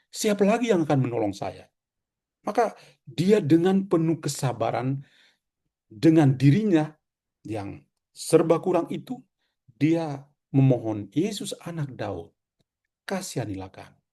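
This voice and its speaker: A man's voice: on the high side, warm tone. A man, a priest, preaching a devotional reflection in a conversational way, asking rhetorical questions and adding casual asides.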